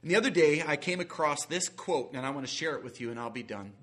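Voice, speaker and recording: A man's voice: on the high side, animated, fast talker, a bit bright. A man preaching a sermon in an earnest, folksy way, sometimes acting out quoted voices. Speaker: guest preacher.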